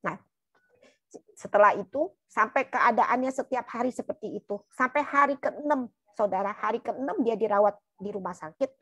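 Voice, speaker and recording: Husky woman giving an earnest church testimony. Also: a little high, normal speed, a bit bright, no room sound. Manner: earnest, keeps addressing listeners as "brothers and sisters"; colloquial storytelling.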